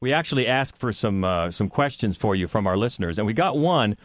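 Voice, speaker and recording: A man's voice: lowish voice, animated, fairly quick, no echo, studio quality. A man co-hosting a podcast in a casual, conversational interviewing style.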